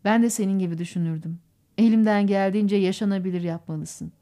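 A woman voicing a calm adult man, a father on a fishing boat, in an audiobook reading with a plain, gentle manner. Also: mid-range voice, brisk, lightly acted. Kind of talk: audiobook character voice.

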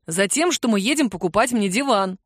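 A woman's voice: mid-range voice, animated, fairly quick, no echo, clean studio sound, lightly acted. Woman voicing a cheeky teasing young man. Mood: smug. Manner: teasing, cheerfully pushy.

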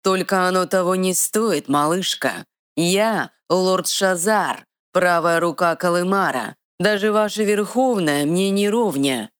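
A woman voicing an arrogant male dark sorcerer who speaks slowly with hissing menace, recorded dry. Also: lowish voice, smooth, no echo, pitched above the performer's own voice, close to an everyday voice. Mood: menacing. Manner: slow, drawn-out, hissing threats.

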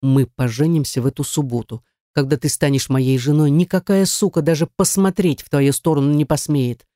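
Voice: medium pitch, normal speed, darkish tone, no room sound, natural voice. Stern, domineering jealous man voiced by the audiobook reader; growling, dry sound. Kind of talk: audiobook dialogue.

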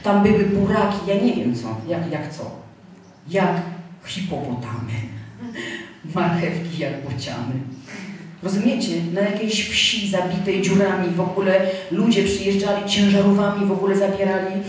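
A woman's voice: medium pitch, normal speed. A woman preacher giving a sermon with personal stories, repeating her key phrases and checking in with the congregation. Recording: very echoey hall, mic far off, faint noise.

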